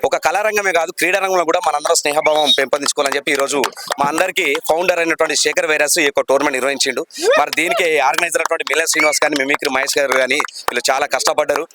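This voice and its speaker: A man's voice: a little high, steady tone, rapid-fire. A man with a Telangana Telugu accent, an artist and player, speaking fluently to camera as if giving a speech. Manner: fluent, speech-like, addresses viewers. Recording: noisy outdoor event.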